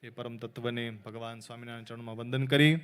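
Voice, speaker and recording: A man's voice: medium pitch, steady tone, fast, a bit bright, clean tone. A man with a Gujarati accent preaching to a temple audience, telling a story with acted-out dialogue and English phrases mixed in. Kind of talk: Gujarati religious discourse with storytelling. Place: temple hall before an audience.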